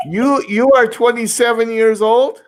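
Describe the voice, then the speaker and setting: In a casual group chat, a man in his sixties who teaches English speaks in a very high, steady voice, a little slowly. His talk wanders, reflective and self-deprecating.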